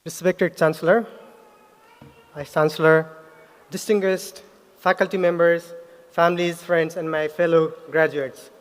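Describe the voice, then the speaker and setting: A young man from Nepal with a Nepali accent, giving an earnest graduation speech with pauses and self-corrections. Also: a little high, level tone, clear, resonant tone. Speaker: graduate speaker. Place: large ceremony hall. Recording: hall reverb.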